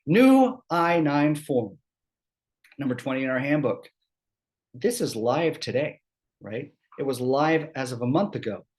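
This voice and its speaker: Scratchy-throated from a cold, a male employment law presenter runs an HR seminar in a chatty, expressive way, his voice medium in pitch with a darkish tone. He makes fast asides and keeps asking his audience "right?"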